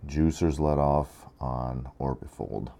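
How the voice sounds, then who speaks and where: Awake for 23 hours, a tired gameplay commentator rambles in a laid-back way over a strategy game, using lots of fillers. His very deep, creaky voice is dark in tone, fairly even in intonation, and slow.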